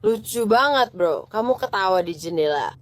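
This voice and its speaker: A woman's voice: mid-range voice, animated, normal speed, dry recording. A drunk woman arguing with and taunting police during a heated confrontation. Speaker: detained driver, intensive care nurse.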